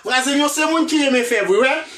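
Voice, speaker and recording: An English teacher with a Haitian accent, giving a live online lesson, explaining in Creole and drilling English phrases slowly. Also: high voice, fairly bright tone, reverberant, recorded from a distance.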